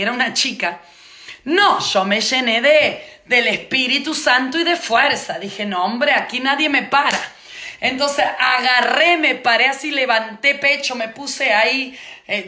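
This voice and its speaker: High bright woman preaching in echo. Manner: vivid storytelling, repeats phrases for emphasis. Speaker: preacher teaching on intercession. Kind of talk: testimony in a sermon. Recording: echoey room.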